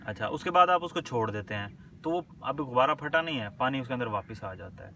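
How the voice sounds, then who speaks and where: A male medical lecturer gives a recorded lesson. He reads English definitions slowly, then explains them in a conversational way and checks in often with short confirming words. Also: medium pitch, animated, bright, forceful tone, recorded from a distance, a little hiss or hum.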